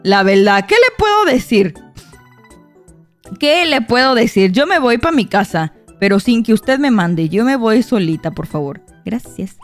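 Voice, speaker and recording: A young woman narrates her game for viewers in a high, very lively voice that leaps up and down. She is excitable and shrieks when something startles her. Faint music plays behind her. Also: a little slow. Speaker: gaming YouTuber. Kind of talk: Roblox gameplay commentary.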